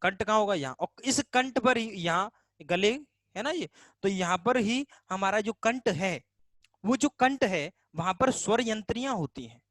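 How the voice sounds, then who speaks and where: This male teacher's voice is high-pitched and expressive, a bit slow and slightly bright, with no room sound. Casual and chatty, he runs an online grammar lesson where he asks the class questions, supplies the answers, and drills key terms through repetition.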